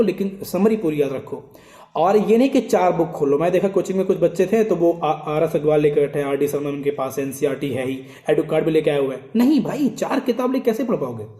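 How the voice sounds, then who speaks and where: A man's voice: fairly high pitch, mellow, reverberant. A young man who teaches at a coaching institute gives students informal, scolding study advice and repeats his points to drive them home.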